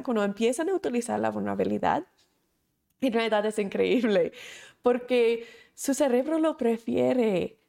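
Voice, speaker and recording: A woman teaching a recorded course in speech. Her voice carries a gravelly vocal fry at an ordinary middle pitch. She talks earnestly and repeats her key points with emphasis. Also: a little mellow. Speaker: course instructor.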